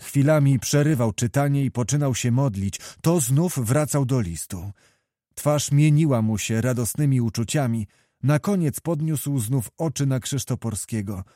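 An audiobook narrator, male and medium in pitch, tells a historical novel in calm, evenly paced scripted narration. The recording is dry and of studio quality.

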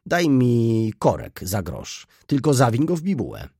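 A man voicing a jovial, sarcastic middle-aged shopkeeper who teases in a calm, mocking tone. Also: mid-range voice, a little slow, vocal fry, slightly rough, no echo, studio quality, pitched above the performer's own voice, exaggerated voice. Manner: teasing, sarcastic tone.

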